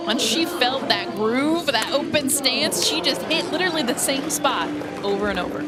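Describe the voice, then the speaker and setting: A woman giving chatty, lively color commentary on a youth home run derby broadcast. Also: high-pitched, moderate pace, loud music behind the voice. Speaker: color analyst.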